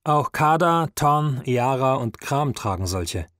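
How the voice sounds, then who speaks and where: A man's voice: medium pitch, expressive, slow pace, fairly bright tone, no room sound, studio quality, voice pushed up. A man doing a grave hermit wolf warrior.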